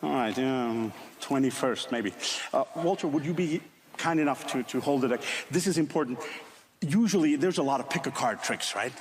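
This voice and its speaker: A man's voice: mid-range voice, lively intonation, normal speed. A man from Finland with a Finnish accent, performing stage magic patter with playful, chatty remarks to two volunteers. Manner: playful, gesturing while talking. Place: TV studio stage with live audience. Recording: roomy studio with loud crowd and noise.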